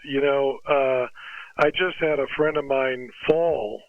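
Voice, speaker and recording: An older American man, working as an amateur radio operator, chats casually and encouragingly at a slow pace, chuckling and using radio sign-overs as he hands over. His voice is medium-pitched, and the audio is dry and narrow like a phone, with no room sound.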